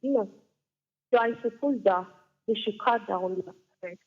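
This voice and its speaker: A woman's voice: mid-range voice, normal speed. A woman calling in to a radio morning show, speaking hesitantly with fillers, heard through a clipped telephone line. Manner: hesitant, with fillers like "you know". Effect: clipped, narrow phone-line sound. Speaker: radio call-in caller. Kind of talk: phoning in to a morning talk show.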